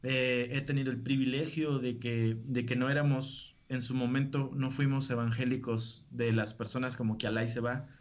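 A man's voice: medium pitch, level tone, moderate pace, few pauses. A man with a northern Mexican accent, a preacher talking casually as an interview guest and laughing often.

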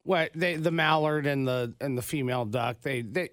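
A man co-hosting a radio show in casual banter, cracking jokes and telling stories in halting bits. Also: mid-range voice, fairly bright tone, dry recording, clean studio sound. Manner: jokey, halting storyteller.

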